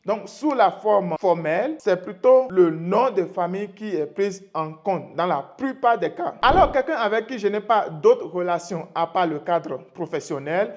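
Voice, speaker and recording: High-voiced man teaching patiently. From Benin. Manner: patient, repeats and spells out example phrases slowly. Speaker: Chinese language teacher. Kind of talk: explanatory language lesson. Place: room with a whiteboard.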